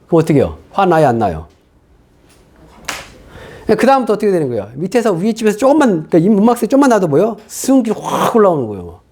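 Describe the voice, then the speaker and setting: Male pastor, animated sermon delivery; high, very lively pitch; conversational, rhetorical questions. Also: fast talker. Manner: casual, conversational preaching.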